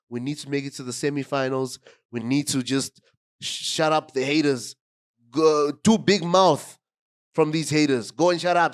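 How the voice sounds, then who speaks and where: A man with a groggy voice from a cold gives a casual fan review of a football match. He sits at a middle pitch and keeps addressing his viewers directly, getting excited as he goes. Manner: excitable, talks straight to viewers. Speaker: football fan channel host.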